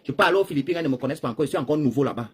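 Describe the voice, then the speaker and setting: A Cameroonian man rambling through a live stream, talking straight to his viewers and swinging between loud bursts and hushed asides while seated. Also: a little high, animated, rapid-fire, husky. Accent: Cameroonian French. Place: seated, chair.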